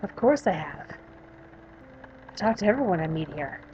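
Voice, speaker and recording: A woman voicing a shy, withdrawn young girl who is a hospital patient, speaking softly and hesitantly. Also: on the low side, very animated, dull audio, slight background noise, pitched below the performer's own voice. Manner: soft, hesitant, halting.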